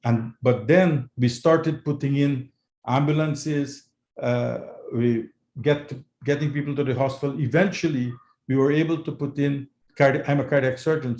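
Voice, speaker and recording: A man who grew up in Canada, a heart surgeon giving an earnest, halting talk as a guest over a video call. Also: mid-range voice, a little mellow. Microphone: computer mic on a video call. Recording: echoey room, faint background noise.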